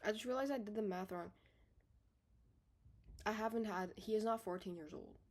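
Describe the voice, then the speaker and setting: A young woman vlogging from her bedroom, a little out of breath, her voice sitting at an ordinary middle pitch for a woman. She rambles loosely and swears in passing. She keeps correcting herself and lets her sentences fade out quietly. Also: normal speed. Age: young adult. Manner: rambling, self-correcting, swears casually, trails off softly. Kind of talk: casual unedited video diary.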